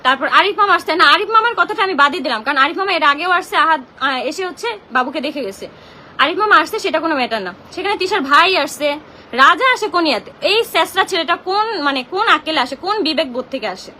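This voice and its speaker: A woman's voice: very high-pitched, expressive, bright, forceful tone, a little hiss or hum. A young woman with a Bangladeshi Bengali accent ranting on a live stream, agitated and confrontational, speaking into her phone. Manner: agitated, confrontational, rapid complaining. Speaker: social media livestreamer. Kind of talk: emotional live-stream rant.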